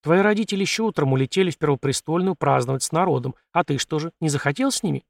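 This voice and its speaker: Brisk young woman in an audiobook, voiced by a male narrator; coaxing, in a dry, close sound. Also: on the high side, vocal fry, no echo. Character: lively bold young woman, court lady-in-waiting.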